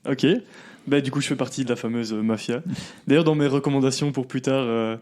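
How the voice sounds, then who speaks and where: A young founder in his twenties, talking as a podcast guest. His voice sits at a middle pitch, and his delivery is relaxed and chatty, with plenty of fillers. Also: brisk. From southern Belgium. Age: 20s. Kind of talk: casual interview chat.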